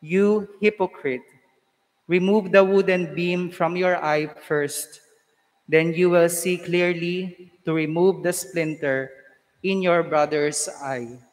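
A priest with a Filipino accent reading the Gospel and preaching in a measured, solemn way, his voice carrying a long church echo. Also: a little high, fairly even intonation. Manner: measured, solemn delivery with conversational asides. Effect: long echo of a large church. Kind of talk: proclaiming the Gospel and preaching a homily. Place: large church.

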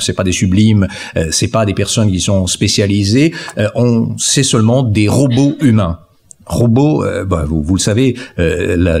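A man's voice: fairly low pitch, darkish tone. A man giving an academic lecture to an audience, talking through slides with frequent hesitations and fillers. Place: lecture hall.

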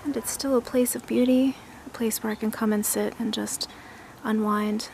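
A woman giving a casual walking tour of her backyard garden, relaxed and admiring, thinking aloud with some fillers. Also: a little high, normal speed, gravelly, a little hiss or hum.

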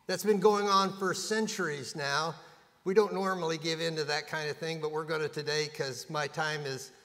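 Folksy preacher in a reverberant church. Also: male voice, a little high, fairly even intonation, normal speed, bright, forceful tone. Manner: folksy, conversational preaching with humor. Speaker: pastor. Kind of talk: sermon. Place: church sanctuary. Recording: long reverb of a church hall.

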